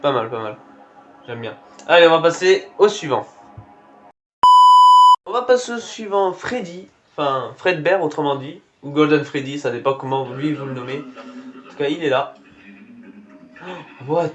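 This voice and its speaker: Showing off game characters, this gameplay commentator reacts loosely and exclaims at what comes on screen. He speaks on the high side at a normal speed, pausing often. Faint game music sits beneath a dull, lo-fi recording.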